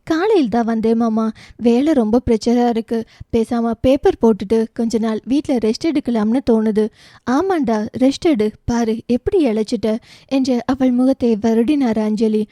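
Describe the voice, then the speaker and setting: Bright-voiced woman narrating a novel. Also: a little high, no echo, studio quality. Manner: shifts briefly into voices for each character. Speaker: audiobook narrator. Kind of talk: storytelling narration with character dialogue.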